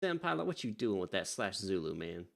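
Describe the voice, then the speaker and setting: Working as a virtual air traffic controller during a live stream, a chatty man drifts off mid-thought and then turns to courteous radio calls to pilots. He talks briskly in a low, sing-song voice that is creaky and a bit bright.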